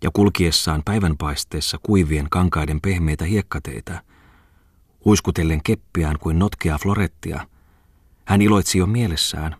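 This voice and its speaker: A man reading a novel aloud as a calm, measured audiobook narrator. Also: sits low, slightly rough, no room sound, studio quality. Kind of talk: scripted narration.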